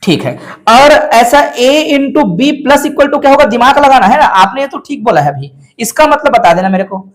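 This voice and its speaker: A man's voice: very high voice, animated, moderate pace. Male maths teacher, classroom lecture, keeps quizzing and coaxing the students. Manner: coaxing, questions students often. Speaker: math teacher.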